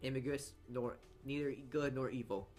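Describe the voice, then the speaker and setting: Reading visual novel narration aloud as a let's player, a man speaks at a moderate pace in a medium-pitched, darkish voice with fairly even intonation. Game music runs behind him, and he frequently stumbles, self-corrects, and makes asides.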